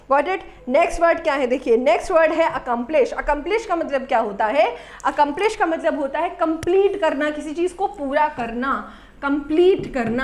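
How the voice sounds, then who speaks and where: Woman, high voice, teacher, quizzing herself aloud, echoey room. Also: slight background noise. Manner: asks rhetorical questions and answers them herself; repeats "Got it?" to check understanding. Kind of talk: vocabulary lesson.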